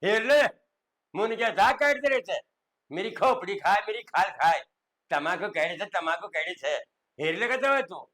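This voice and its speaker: A man with a Rajasthani accent voicing a village wife who shouts and scolds her husband. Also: high voice, animated, normal speed. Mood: scolding.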